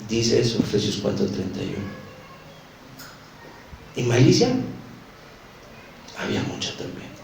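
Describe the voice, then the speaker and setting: A man's voice: mid-range voice, very animated, unhurried, gravelly, long pauses, darkish tone, slight background noise. A man with a Mexican accent teaching a Bible study, earnest and confessional, speaking straight to the listener. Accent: Mexican Spanish. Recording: roomy echo.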